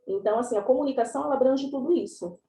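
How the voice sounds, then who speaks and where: A chatty, animated woman in her 30s from São Paulo, Brazil, gives an explanatory presentation for an online class over a video call. Her high voice comes rapid-fire, and the low-quality recording sounds roomy.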